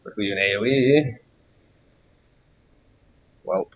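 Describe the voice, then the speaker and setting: A man streaming a game, rambling distractedly through casual commentary while he grows hoarse and loses his voice. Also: lowish voice, takes it slowly, muffled recording, slight background noise. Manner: rambling, distracted, musing aloud.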